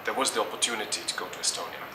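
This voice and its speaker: A middle-aged German man with a lowish voice answers interview questions very fast yet thoughtfully, often hesitating and starting over. The recording is echoey, with a distant mic and a noisy background.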